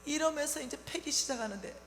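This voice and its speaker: A middle-aged woman with a Gyeongsang Korean accent gives a testimony sermon at a church revival, telling her story in a lively, animated way. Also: sits high, fast talker. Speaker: lay minister at a revival meeting. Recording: echoey church hall, faint hum.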